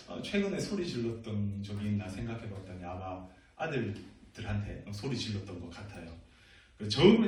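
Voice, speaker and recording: A middle-aged man preaching to teenagers as senior pastor, playful and full of questions and laughs. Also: lowish voice. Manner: playful, asks the youth questions, laughs often. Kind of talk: youth sermon. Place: church hall. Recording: echoey room, from a distant mic.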